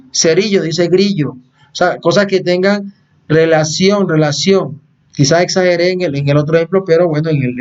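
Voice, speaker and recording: Brief: male lecturer, slightly high voice, patient and repetitive, dull lo-fi recording. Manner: explains patiently, repeats phrases and checks in with "¿no?".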